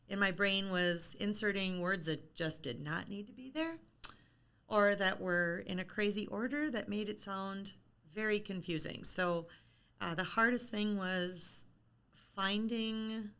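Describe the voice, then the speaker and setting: Bright-voiced middle-aged woman, frank and chatty. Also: mid-range voice, clear, resonant tone. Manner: frank and chatty, with self-deprecating humor. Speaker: author being interviewed. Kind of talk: casual live-stream interview.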